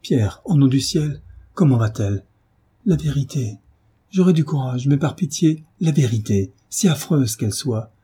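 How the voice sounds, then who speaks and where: A man's voice: medium pitch, unhurried, warm tone, slightly rough. A man voicing a young man desperate with love, his speech pleading and breaking with emotion.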